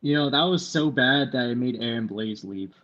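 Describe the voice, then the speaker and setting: A man's voice: medium pitch, normal speed, fairly bright tone. A man teasing fellow panelists in wrestling show banter, on a slightly dull mic.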